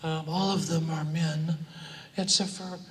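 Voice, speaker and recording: Man, slightly high flat voice, halting address to a crowd; distant, echoey hall recording with clear room noise. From Oakland, California. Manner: halting, frequent pauses and fillers. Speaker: speaker acknowledging guests at a gathering. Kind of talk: informal public address to an audience. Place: large hall with an audience.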